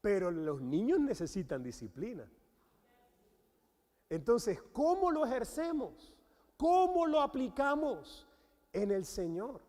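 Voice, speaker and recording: A man with a Venezuelan accent, a guest pastor, preaching a sermon with animated storytelling and acted-out quotes. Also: very high-pitched, takes it slowly, pauses often. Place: church sanctuary. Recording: long church hall reverb.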